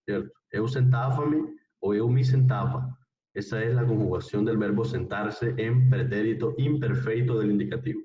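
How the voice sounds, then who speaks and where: A man's voice: lowish voice, roomy sound, distant mic, muffled recording. A man teaching an online Portuguese class, patiently repeating phrases and checking with his students as he goes.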